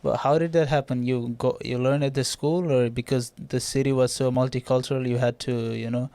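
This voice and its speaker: A man's voice: medium pitch, fairly even intonation, brisk, mellow, no room sound. A man hosting a podcast, asking loose questions and laughing along with his guest. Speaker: podcast host. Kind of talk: casual interview talk.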